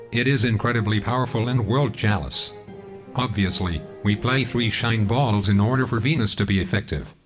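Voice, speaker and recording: A male text-to-speech robot voice steadily reading out a scripted explanation of a card game deck. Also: on the low side.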